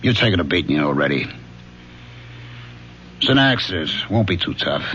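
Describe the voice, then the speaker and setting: An actor playing a weary, gruff, fatherly veteran police lieutenant in a radio drama. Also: deep voice, big pitch swings, moderate pace, pushed and bright, exaggerated voice. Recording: dull, noisy old radio broadcast.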